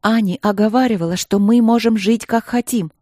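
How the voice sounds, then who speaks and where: A woman voicing a defiant young woman of twenty-three, snapping back in a hoarse voice. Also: on the high side, fairly quick, darkish tone, dry recording, studio quality, voice pushed up, close to an everyday voice.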